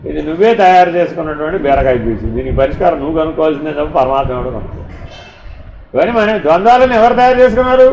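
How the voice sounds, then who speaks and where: A man teaching in a spiritual discourse, asking rhetorical questions and swinging between loud emphasis and hushed lines. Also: high-pitched. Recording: echoey room with faint ambient noise.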